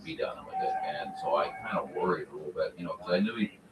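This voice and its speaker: A man's voice: extremely low pitch, quick pace. A man from southern Missouri chatting casually as a ham radio operator, rambling with lots of "you know" fillers, heard through a mistuned sideband signal. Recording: noisy, echoey, distant radio reception.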